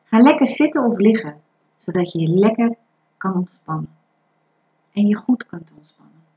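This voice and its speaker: A woman guiding a breathing meditation in a calm, soothing, instructive way. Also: mid-range voice, normal speed. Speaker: meditation guide. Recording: dull lo-fi recording.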